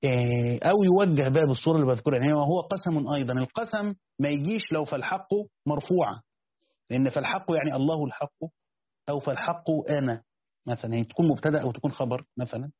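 A man's voice: fairly high pitch, very fast, husky, no echo. A man with an Egyptian Arabic accent teaching a classical Quran commentary, reading the text aloud, explaining it, and asking and answering his own questions. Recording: tinny phone-like lo-fi recording.

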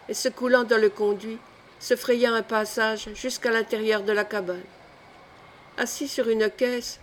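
A woman narrating a science-fiction story as an audiobook reader, in a measured, dramatic way. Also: a little high, slight background noise.

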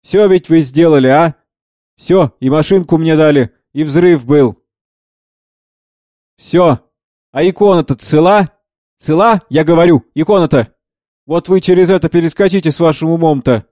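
A man reading the part of a pious old monastery monk, slow and sing-song, scornful in turns. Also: on the high side, mellow, dry recording, clean studio sound, voice pushed up, close to an everyday voice.

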